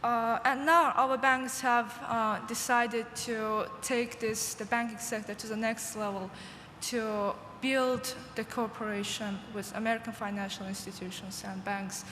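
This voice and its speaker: A woman giving a formal welcoming speech at a forum, halting, with many fillers and restarts. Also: on the high side, steady tone, bright, forceful tone, slight background noise. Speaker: conference host. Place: large conference hall. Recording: echoey hall with faint ambience.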